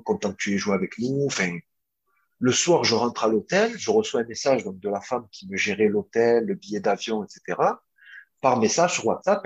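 A young man speaks as an interview guest, telling a story in a loose, chatty way. His voice sits on the low side and sounds slightly husky. He often hesitates and restarts his sentences but keeps the story moving. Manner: animated, hesitant with many fillers and restarts. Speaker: interview guest, former footballer.

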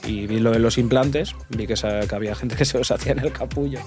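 A man in his twenties from Portugal, a podcast guest chatting casually and relaxed, laughing often and trailing off softly. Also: mid-range voice, quick pace, soft background music. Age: 20s. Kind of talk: casual chat.

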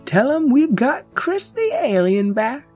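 A storyteller doing a high, folksy rink owner woman. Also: sing-song, unhurried, darkish tone, soft background music, exaggerated voice.

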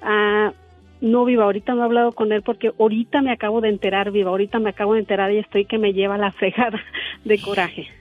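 A woman's voice: mid-range voice, level tone, fast, dry recording, soft background music. A woman with a Mexican accent calling a radio show, telling her story in a chatty, indignant way. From Acámbaro, Guanajuato, Mexico. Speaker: caller. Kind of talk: phone call to a radio show. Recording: dry tinny phone line.

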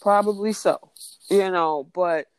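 A co-host in casual chat about a soap opera, acting out the characters' lines in an animated way. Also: mid-range voice, takes it slowly, clean tone.

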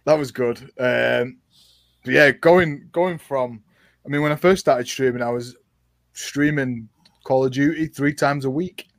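A man's voice: medium pitch, unhurried, no echo. A young British man, a guest streamer, chatting casually and laughing often.

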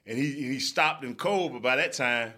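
A man's voice: medium pitch, moderate pace, bright, forceful tone. A man giving casual, rambling football analysis in colloquial speech as a show panelist.

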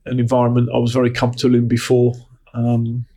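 A middle-aged man answering interview questions in a measured, businesslike, conversational way. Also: mid-range voice, monotone, warm tone. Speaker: interviewee, football operations executive.

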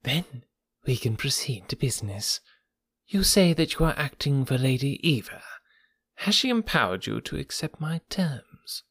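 A man voicing a smug, oily gentleman blackmailer in a soft, breathy, half-whispered purr, silky and mocking. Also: medium pitch, sing-song, a little slow, no room sound, clean studio sound, pitched above the performer's own voice, full character voice. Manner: silky and mocking, lingering on words. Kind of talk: audiobook character reading.

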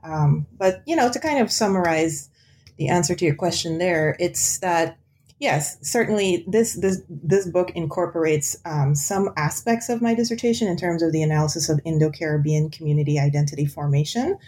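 A woman from Guyana, an author appearing as a guest, talks about her book in an academic interview, thoughtful and full of ums and restarts. Her voice is fairly low and darkish at a moderate pace, with slight background noise.

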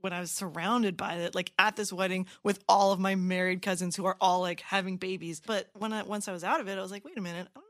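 A woman in her thirties co-hosting a podcast, chatting in an animated way that trails off softly. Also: medium pitch, quick pace, hardly any pauses, no echo, clean studio sound. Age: 30s. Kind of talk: casual chat. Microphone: podcast microphone.

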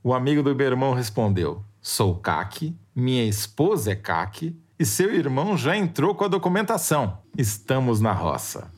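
Lively, jokey Brazilian man on a podcast. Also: medium pitch, normal speed, hardly any pauses, a little hiss or hum. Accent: Brazilian Portuguese. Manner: jokey, theatrical, self-mocking. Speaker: podcast co-host. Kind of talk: casual political chat.

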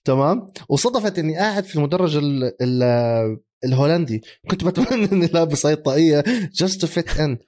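A man, co-hosting a casual sports chat. He is animated, laughs often and mixes English phrases into his speech. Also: a little high, brisk. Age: 30s. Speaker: podcast co-host.

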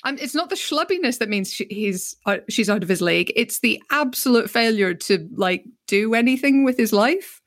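A woman's voice: on the high side, lively intonation, normal speed, hardly any pauses, no room sound, clean studio sound. A woman from Northern Ireland chatting casually about films as a podcast co-host, wry and teasing. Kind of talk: casual film discussion.

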